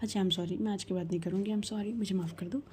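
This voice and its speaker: A woman's voice: medium pitch, fairly even intonation, very fast, darkish tone, slight background noise, close to an everyday voice. A woman voicing a spirited, teasing young female student who turns pleading and apologetic. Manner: cheeky, then pleading.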